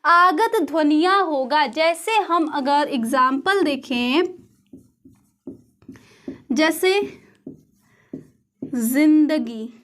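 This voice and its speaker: Woman teacher, very high voice, question-and-answer explaining style for a grammar lesson. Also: lively intonation, takes it slowly, long pauses, a bit bright. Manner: explains step by step, asks and answers her own questions.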